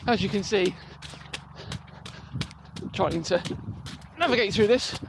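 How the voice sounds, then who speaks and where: A British man vlogs casually while running along a rural riverside footpath, rambling and hesitant as he thinks aloud in a high, gravelly voice at a slow pace. The handheld phone or recorder captures noisy outdoor sound with clicks.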